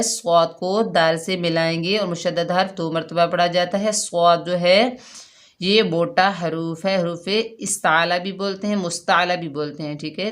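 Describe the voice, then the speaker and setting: A woman teaching a Quran recitation lesson step by step, patiently explaining each rule and drawing out syllables slowly when she models them. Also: lowish voice.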